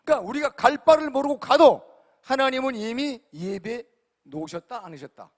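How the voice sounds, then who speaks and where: A male pastor preaching an emphatic sermon, repeatedly questioning his congregation and swinging between loud and quiet. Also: very high-pitched, animated, brisk. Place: large church sanctuary. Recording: long hall reverb.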